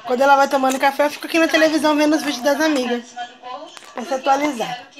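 Chatty young mom vlogging at home. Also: female voice, high-pitched, steady tone, rapid-fire, crowd noise. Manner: chatty, narrates chores to viewers. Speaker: vlogger and mother. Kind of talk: casual home vlog to viewers.

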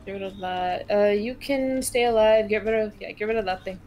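A woman's voice: medium pitch, fairly even intonation, brisk, a little mellow, faint music behind. A woman playing along on a gaming stream, chatty and full of filler words. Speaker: co-player on a stream. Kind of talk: casual gaming stream chat.

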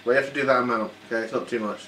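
A man's voice: mid-range voice, steady tone, sharp tone. A man co-hosting a casual food taste-test, blunt and joking, swearing freely. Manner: blunt, swears, quick jokes. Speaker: food review co-host. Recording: echoey room, distant mic, faint noise.

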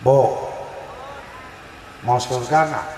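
Slow, echoey preacher telling a story. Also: male voice, medium pitch, noisy background. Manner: storytelling, quizzing the audience with questions. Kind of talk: religious talk at a village gathering. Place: village gathering. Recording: echoey hall sound from far off.

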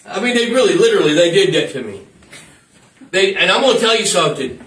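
A man's voice: sits high, expressive, quick pace, fairly bright tone, recorded from a distance. A man preaching an informal sermon as pastor, repeating phrases and breaking off into asides. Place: church. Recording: echoey room, mic from afar.

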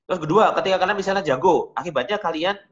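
A man's voice: high voice, quick pace, a bit bright, highs cut off. A man teaching a beginner digital painting class, talking casually and directly to his students. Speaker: art teacher.

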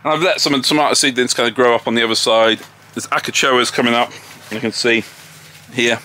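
Chatty English man with a bright voice. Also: medium pitch, fairly even intonation, fast, a little hiss or hum. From England. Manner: chatty and self-deprecating. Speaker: homesteader vlogger. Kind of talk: casual walk-and-talk tour. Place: outdoors in a garden and orchard. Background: distant tractors and farm vehicles.

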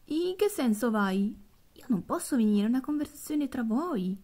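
A woman's voice: a little high, expressive, moderate pace, mellow. Chill helpful buddy, soothing talk, woman doing it. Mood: calming. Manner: soothing, encouraging. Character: calm supportive young male friend.

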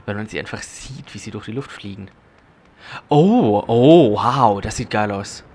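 A young man giving casual, rambling commentary as he plays a video game, talking to himself and breaking into sudden loud exclamations. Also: lowish voice, a little fast, slightly rough. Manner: chatty self-talk with sudden loud exclamations. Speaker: let's play host.

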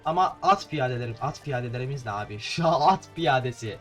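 A man's voice: mid-range voice, lively intonation, quick pace, a bit bright. A young man from Turkey giving playful, chatty gameplay commentary to his viewers, a little tongue-tied. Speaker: gameplay streamer. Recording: faint game music behind.

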